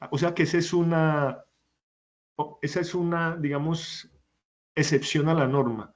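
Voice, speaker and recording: A man's voice: fairly high pitch, fairly even intonation, unhurried. A man teaching a class who explains step by step and puts questions to his students. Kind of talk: online class lecture.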